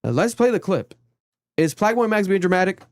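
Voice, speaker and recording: A young man hosting a casual podcast, telling stories in an animated way and acting out what other people said. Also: sits high, a little fast, no room sound, clean studio sound. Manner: animated storytelling, acts out quotes. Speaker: podcast host.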